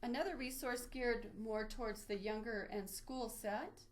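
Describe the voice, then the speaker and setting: A library trainer presents an instructional webinar, walking listeners through a screen-share demonstration step by step in a semi-scripted way. Her voice is on the high side and a little slow.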